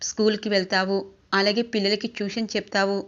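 A woman's voice: medium pitch, flat delivery, fairly quick, a bit bright, smooth, lightly acted. Kind young woman teacher, read by a female narrator, polite, lo-fi sound. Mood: earnest. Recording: dull lo-fi recording.

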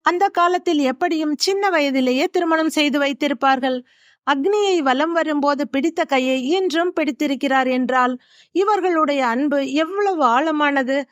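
A woman's voice: high-pitched, normal speed, dry recording, clean studio sound. A woman narrating an emotional first-person story in an earnest, reflective way.

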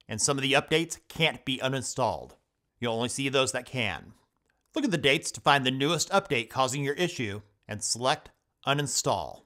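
A man hosting a computer help tutorial, reading scripted step-by-step instructions in a steady voice-over. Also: medium pitch. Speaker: tech tutorial host. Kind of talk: scripted screen-recording voice-over.

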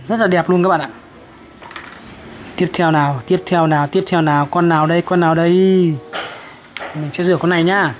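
High-voiced man talking as if to toddlers. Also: steady tone, a little fast, long pauses, a little hiss or hum. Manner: simple, repetitive, encouraging talk as if to a toddler. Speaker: presenter of a children's toy video. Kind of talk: toy-washing narration for young children.

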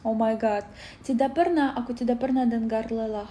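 A woman's voice: fairly high pitch, dark tone, slight background noise. A woman from Belarus, chatting casually on a phone livestream and answering comments. She is tired and sleepy, and halts often to search for words. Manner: halting, searching for words, many pauses with "eh".

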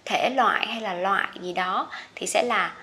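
A woman teaching English pronunciation, saying each word slowly and repeating it clearly for learners. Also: medium pitch, pushed and bright. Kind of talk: pronunciation lesson.

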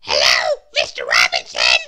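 A storybook reader voicing a tiny, timid cartoon fellow with a small, drawn-out put-on voice. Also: a bass voice, creaky, sharp tone, voice pushed down, heavily acted. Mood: earnest, plaintive.

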